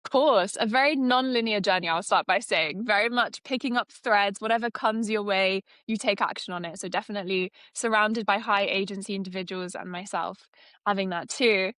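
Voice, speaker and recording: A woman's voice: mid-range voice, normal speed, fairly bright tone, no room sound. A woman in her twenties from the UK, an AI consultant answering podcast interview questions with frequent laughter. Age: 20s. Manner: enthusiastic, laughs often. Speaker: guest, AI consultant.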